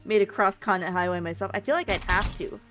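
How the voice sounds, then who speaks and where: A woman's voice: medium pitch, fairly even intonation, quick pace, a bit bright, soft background music. A woman live streamer giving casual gaming commentary, chatting and thinking aloud with some mild swearing.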